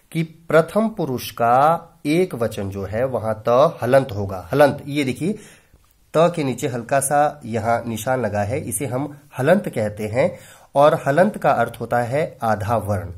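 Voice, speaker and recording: A man teaching a grammar lesson, slowly reciting verb endings in drills and explaining each form step by step. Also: mid-range voice, darkish tone, husky. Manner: slow, deliberate recitation of verb forms; explains step by step and points to the board. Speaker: Sanskrit teacher.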